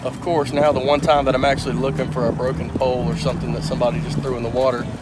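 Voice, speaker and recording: A man's voice: mid-range voice, level tone, racing, heavy background noise. A young man, chatting casually to a phone camera while fishing outdoors on a lake. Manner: easygoing, chatty, talks while working. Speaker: fishing vlogger. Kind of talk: casual outdoor vlog narration. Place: outdoors on a lake in a boat and on a wooded bank. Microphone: handheld phone at arm's length.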